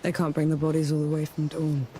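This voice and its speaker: A woman's voice: sits low, completely flat delivery, fast talker, dark tone, a little hiss or hum, natural voice. A woman voicing a tough young woman soldier who talks in a blunt, plain-spoken and wry way. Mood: somber.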